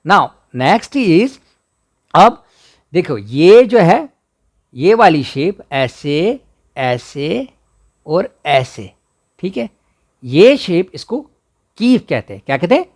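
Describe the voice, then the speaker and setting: A male teacher with a Kashmiri accent talks slowly, his voice sitting a bit high and moving through a lively, sing-song range. He walks children through letters one by one, asking questions and repeating each answer. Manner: mixes English words into Hindi. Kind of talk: alphabet lesson for children.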